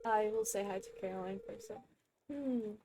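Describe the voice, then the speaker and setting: A woman streamer chatting casually while gaming, expressive and laughing often. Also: medium pitch, moderate pace, background noise.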